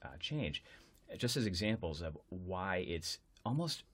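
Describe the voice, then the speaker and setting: Male podcast host, very low voice, earnest, thinks aloud with restarts. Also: big pitch swings, measured pace, a bit bright. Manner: earnest, searching, repeats words while thinking. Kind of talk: conversational interview.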